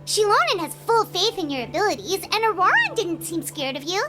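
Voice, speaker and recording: Very high, wildly bouncy little game sidekick creature, eager and childlike. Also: female voice, sing-song, brisk, loud music behind the voice. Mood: cheerful. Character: tiny floating female companion creature, cheerful and eager. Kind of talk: video game voice acting.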